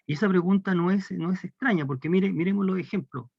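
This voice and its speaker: A man's voice: sits high, fast talker, gravelly, no echo. Man giving a calculus lecture. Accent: Chilean Spanish. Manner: explains step by step, asks rhetorical questions. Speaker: math lecturer. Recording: dry, dull lo-fi lecture recording.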